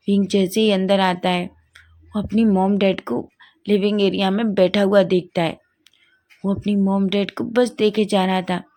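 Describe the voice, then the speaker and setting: A woman's voice: medium pitch, a little mellow. A woman narrating a fan story in a plain retelling manner, often correcting herself mid-sentence.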